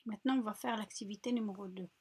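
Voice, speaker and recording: A woman teacher slowly guiding children through a French workbook lesson, repeating words and spelling out syllables patiently. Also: mid-range voice, mellow, slightly rough. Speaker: primary school teacher. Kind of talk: recorded lesson walkthrough.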